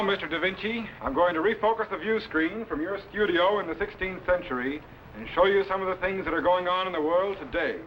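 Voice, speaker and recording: An actor playing an authoritative, courteous time-traveling captain who lectures formally in the declamatory style of a 1950s TV sci-fi serial. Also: male voice, high voice. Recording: dull, lo-fi vintage broadcast recording.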